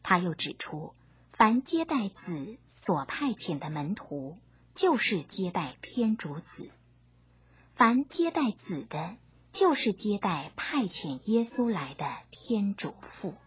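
A woman narrating a scripture story, reading gently in a half-whispered way. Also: medium pitch, big pitch swings, slow pace, breathy edge, no room sound.

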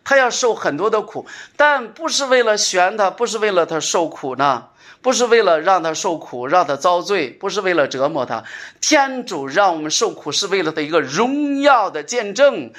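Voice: medium pitch, animated, moderate pace, fairly bright tone. An earnest preacher delivers a sermon in a conversational tone. Phrases come back again and again for emphasis. Rhetorical questions and calls for the congregation to answer run through the talk.

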